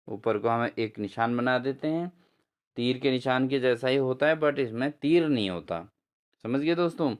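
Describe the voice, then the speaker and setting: A man's voice: mid-range voice, clean tone. A man teaching an exam-prep grammar lesson, asking his own questions and answering them, with repeated friendly address to viewers. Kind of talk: lesson explaining quiz answers.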